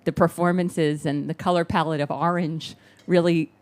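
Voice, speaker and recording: Casting: woman with a low voice, audience questioner at a press conference, speaking admiringly. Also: steady tone, measured pace, a little mellow, clear, resonant tone.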